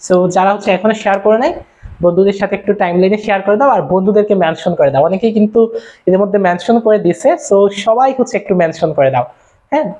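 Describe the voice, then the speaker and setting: A young man from Bangladesh teaching an online class, repeating his points and firing quick questions at his viewers. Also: sits high, mellow. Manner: fast, repetitive, calls out questions to viewers. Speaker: online tutor. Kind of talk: live-streamed class lecture. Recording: dull lo-fi stream audio.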